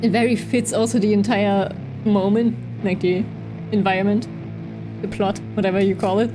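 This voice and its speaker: A woman's voice: mid-range voice, fairly even intonation, normal speed, over music, low-quality recording. A woman streamer chatting casually while playing a game, often giggling and reading the game's text aloud. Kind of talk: casual game let's play commentary.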